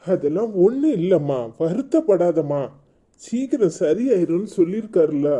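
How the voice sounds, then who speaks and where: A woman voicing an injured young son in a cartoon, softly soothing his mother in a Tirunelveli Tamil accent. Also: fairly low pitch, sing-song, moderate pace, breathy edge, pitched below the performer's own voice. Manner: soft, soothing reassurance.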